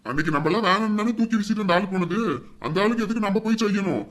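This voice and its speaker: A gruff, grudge-holding father, acted out by a performer, mid-pitched and talking quickly. He refuses flatly and argues back hard in a comic family skit. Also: close to an everyday voice. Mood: stubborn. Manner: stubborn, gruff.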